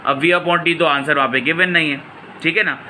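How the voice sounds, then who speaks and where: A man's voice: on the high side, fairly even intonation, moderate pace, sharp tone, slight background noise, low-quality recording. A man tutoring physics and walking through exam solutions. He calls students "beta" and answers his own questions as he explains.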